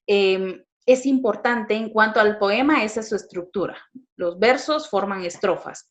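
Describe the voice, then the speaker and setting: A middle-aged woman teacher with a Guatemalan Spanish accent gives a classroom lecture. She explains patiently and step by step, pausing often with small fillers. Her voice sits at an ordinary middle pitch.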